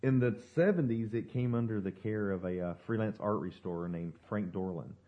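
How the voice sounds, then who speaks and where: Deep male podcast co-host, slightly dull audio. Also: brisk. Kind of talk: casual explanatory podcast talk from notes.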